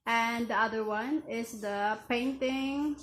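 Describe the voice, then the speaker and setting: A mother filming a casual family vlog at home, gently guiding and prompting her children. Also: fairly high pitch, takes it slowly, a little hiss or hum, rough recording.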